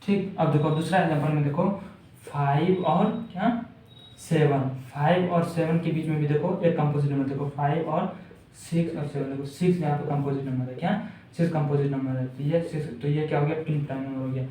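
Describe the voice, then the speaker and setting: A man's voice: on the high side, steady tone, fairly quick, warm tone, a little hiss or hum. A man teaching a math lesson to schoolchildren, repeating each point and answering his own questions, with English terms mixed into Hindi. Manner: repetitive, asks questions and answers them himself. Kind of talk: classroom lesson explaining math. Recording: echoey room, voice far from the mic.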